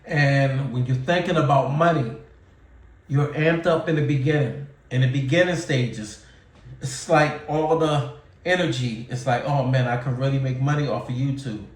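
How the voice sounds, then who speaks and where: A YouTuber in his forties offers candid, casual talking-head advice to camera, repeating himself and leaning on fillers in a conversational way. His medium-pitched voice moves at a moderate pace, and the roomy recording comes from a set-back mic.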